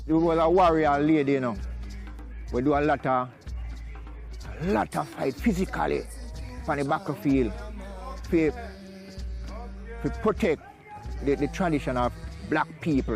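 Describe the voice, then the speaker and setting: A man explaining deliberately in a documentary interview, using Rasta speech. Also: mid-range voice, a little mellow.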